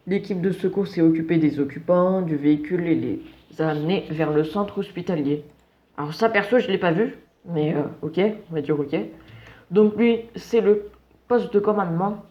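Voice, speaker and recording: A man's voice: a little high, dull audio. A man giving casual, slangy running commentary on a game as he plays. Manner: relaxed, slangy, chatty. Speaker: gameplay commentator.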